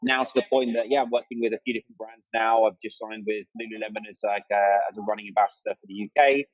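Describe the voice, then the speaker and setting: Speaking quickly in a fairly low, steady voice, this man is a guest on a podcast, an amateur runner who also creates content. He's chatty and enthusiastic, acting out remembered conversations, and the recording is muffled with no room sound.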